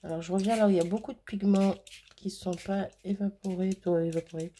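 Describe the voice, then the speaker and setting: A woman's voice: mid-range voice, steady tone, brisk, dark tone, a little hiss or hum. A woman hosting a crafting video, chatting casually and thinking aloud with fillers and little laughs as she works. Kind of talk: casual crafting tutorial chat.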